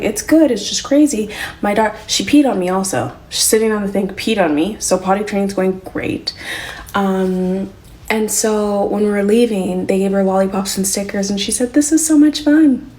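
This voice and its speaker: A young woman telling a chaotic story about her toddler in a casual vlog, dropping to whispers and then rising to near shouts. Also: medium pitch, moderate pace. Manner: animated, swings from hushed whispers to near shouts.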